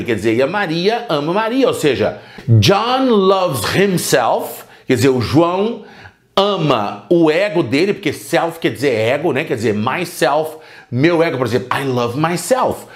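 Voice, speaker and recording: A man teaching an English lesson who says his English examples slowly and repeats them, then explains them quickly. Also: sits high, roomy sound. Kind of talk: bilingual language lesson.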